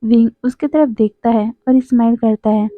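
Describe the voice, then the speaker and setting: A woman retelling a fan fiction story in a casual, chatty tone, her voice on the high side. The sound is thin and phone-like, bone dry with no room around it. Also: fairly even intonation, moderate pace, no echo. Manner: chatty, adds asides of "yaar". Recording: dry, tinny phone-like audio.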